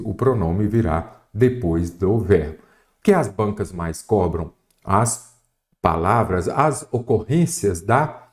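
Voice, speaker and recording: A man's voice: mid-range voice, darkish tone. Emphatic Brazilian male exam-prep teacher. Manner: emphatic, poses and answers own questions. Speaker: Portuguese teacher for civil-service exams.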